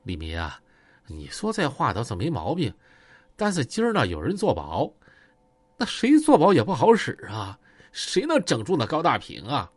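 A man voicing a hesitant local boss who coaxes in a low voice, with a Northeastern Chinese accent. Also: wildly swooping pitch, normal speed, slightly rough, no room sound. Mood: coaxing.

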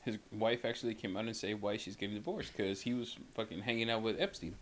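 A man's voice: fairly low pitch, fast talker, a bit bright, a little hiss or hum. A man co-hosting a casual podcast, talking in a rambling, profane way and swearing constantly. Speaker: podcast co-host. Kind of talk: casual chat.

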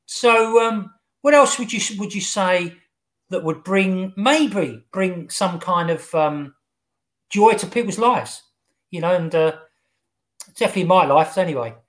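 A man's voice: sits high, expressive, unhurried. A man from England chatting casually on a podcast, a jokey storyteller who laughs often and restarts his sentences.

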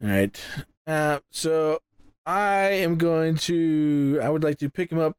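A man casually narrating his actions as a player in a tabletop game, giggly and halting as he works them out. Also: fairly high pitch, clean tone, dry recording. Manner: giggly, hesitant phrasing.

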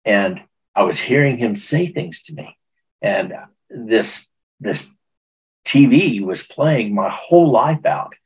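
A man's voice: medium pitch, animated, takes it slowly, gravelly, husky, low-quality recording. A middle-aged man recounting a personal testimony in an interview, earnest and emotional, often restarting his sentences. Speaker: guest.

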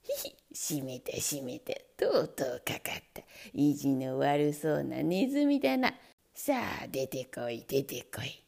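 A woman voicing a gruff, hot-tempered grown man who grumbles in a low voice. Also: animated, measured pace, a little mellow, heavily acted. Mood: gloating. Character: gruff angry grown man, red-faced householder.

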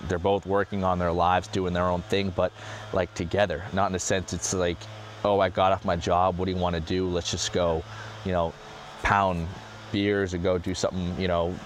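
A young man in his twenties answers interview questions in a lowish voice, pausing and restarting as he thinks. He speaks outdoors, with clear background noise behind him. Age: 20s. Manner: hesitant, halting with fillers.

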